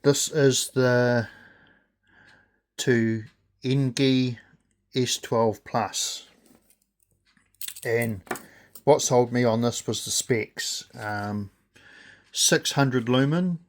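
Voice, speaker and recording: Male, New Zealand accent, slow and hesitant, unscripted casual reviewer. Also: medium pitch. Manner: halting, hesitant delivery with pauses. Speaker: gadget reviewer.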